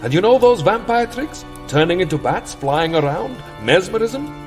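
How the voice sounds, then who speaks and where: An actor playing a weary, settled vampire count in a comic audio drama, theatrical and wry, by turns boastful, petulant and self-deprecating. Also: male voice, high voice, lively intonation, normal speed, a little mellow, faint music behind. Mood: indignant, boastful.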